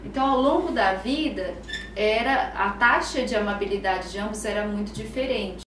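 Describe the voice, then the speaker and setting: A woman with a Brazilian Portuguese accent, a psychologist who is a guest on a podcast and tells stories lively, acting out her children's voices. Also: medium pitch, normal speed, distant mic, a little hiss or hum. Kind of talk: podcast interview, explaining. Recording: roomy, off-mic, faint ambience.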